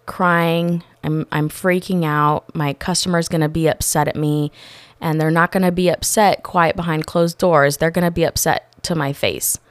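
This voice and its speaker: A woman telling a personal faith story in an earnest, animated way, acting out the people she quotes. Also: fairly low pitch, no room sound. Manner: many restarts and fillers. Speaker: storyteller sharing a faith testimony. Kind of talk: casual personal testimony.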